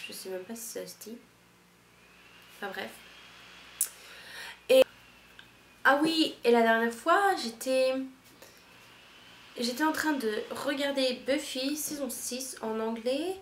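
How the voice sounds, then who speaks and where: Young woman, casual vlogger, a touch high, frank and slangy, echoey room. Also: slight background noise. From France. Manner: rambling, frank and slangy, many restarts. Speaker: au pair vlogger. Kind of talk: casual chat to camera. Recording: echoey room with faint ambience.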